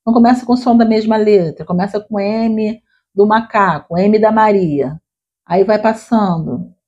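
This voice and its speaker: A woman literacy teacher explaining classroom activities to other teachers in a conversational way, checking in often with quick tag questions. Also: medium pitch, dark tone, husky. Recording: dull lo-fi recording.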